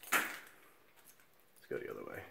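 A man exploring an abandoned mill, keeping his voice down to short hushed remarks recorded on the camera's own mic. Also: slow pace. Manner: hushed, half-whispered remarks while exploring. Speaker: urban explorer host. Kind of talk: quiet walking commentary. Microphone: handheld camera without its mic. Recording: quiet camera audio with background noise.

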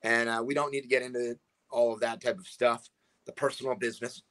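A man from Massachusetts, a combat sports promoter, joins a casual video call from a room at home and rambles, often tossing in "you know what I mean." His mid-range voice is flat, brisk, and a bit bright, picked up by a webcam.

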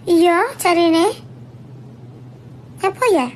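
A young woman with a Javanese accent, chatting casually on a livestream and telling a story with animated laughs. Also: very high-pitched, drawn-out words, slight background noise. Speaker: livestream host.

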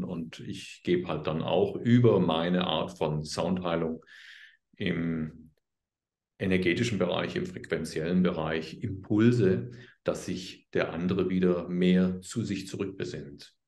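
A man speaking as an interview guest, explaining his work in a calm, earnest, unhurried way. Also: deep voice, creaky, echoey room. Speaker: guest, healer. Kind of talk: conversational interview.

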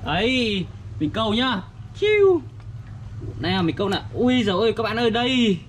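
Northern vietnamese guy, high voice, talks to little kids in simple repeated phrases, bit of outdoor noise. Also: fast talker, a bit bright. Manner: simple, repetitive talk as if to a toddler. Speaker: vlogger for young children. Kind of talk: casual child-directed show-and-tell. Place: outdoors beside a garden fish pond.

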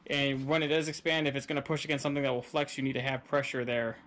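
Working in his driveway beside a boat, a father and boat-building channel host explains his process in an easygoing, how-to style, recorded on a wearable camera. His medium-pitched voice is level, a bit bright and fast, with slight background noise.

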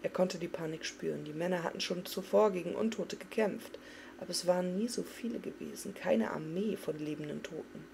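A woman giving an expressive, dramatic reading of a fantasy novel. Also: on the low side, brisk, vocal fry, slight background noise. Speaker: audiobook reader.

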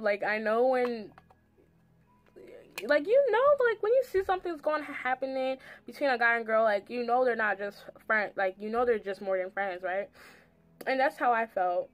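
A woman's voice: medium pitch, fairly bright tone. A young adult woman giving a rambling, slangy, casual storytime as she does her makeup, with lots of "like". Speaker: makeup vlogger. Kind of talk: casual chatty storytime while doing makeup. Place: small indoor room. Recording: music playing in the background. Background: music.

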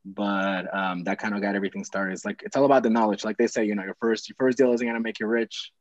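His voice sits on the low side and stays steady as he talks at a quick clip. The young Peruvian real estate investor, a guest, rambles casually through a story packed with fillers and false starts, calling in over video with earbuds from a small room at home. There's no echo, and the call audio is dull and dry.

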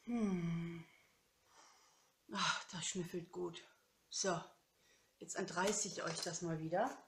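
A woman's voice: lowish voice, fairly even intonation, takes it slowly, a little hiss or hum. A woman craft vlogger chatting casually while unboxing a holiday swap parcel, gushing and laughing often.

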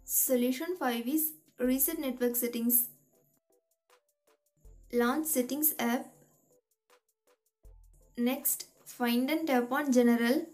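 A woman hosting a tutorial, reading step-by-step instructions in an even, methodical way. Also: high voice, slow pace, pauses often, soft background music. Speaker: tutorial host. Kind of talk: scripted step-by-step tech tutorial.

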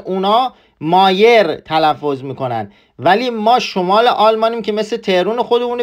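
Male language teacher with a high voice, patient and repetitive. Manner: patient, repeats points. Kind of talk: explaining a language lesson.

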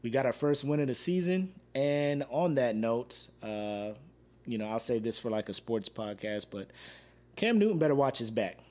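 Animated man telling a story in slang. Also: mid-range voice, normal speed. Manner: waves at viewers watching live. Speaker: podcast host. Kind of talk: casual solo chat.

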